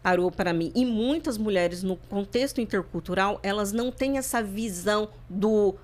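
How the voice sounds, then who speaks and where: A woman's voice: mid-range voice, normal speed, darkish tone. A woman from Brazil, a therapist guest on a podcast, telling her story in a reflective way, often repeating and restarting words. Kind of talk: personal interview talk.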